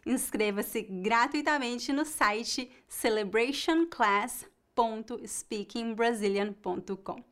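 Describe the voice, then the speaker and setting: A woman with a Brazilian accent giving a scripted language lesson, explaining slowly and clearly for learners. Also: a little high, fairly bright tone. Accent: Brazilian Portuguese. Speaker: Portuguese teacher.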